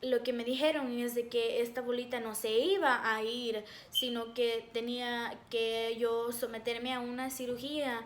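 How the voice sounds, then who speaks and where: A young woman with a high voice shares a personal faith testimony in an earnest, halting way, pausing often on fillers. Her voice rings in an echoey room. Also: a little hiss or hum. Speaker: devotional speaker.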